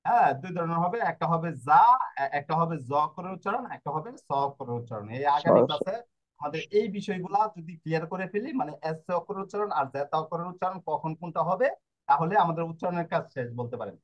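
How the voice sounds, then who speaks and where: Male tutor, slightly high pitch, patient syllable-by-syllable drilling, muffled low-fi sound. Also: fast. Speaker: language teacher. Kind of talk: explaining pronunciation lesson. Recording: dull lo-fi recording.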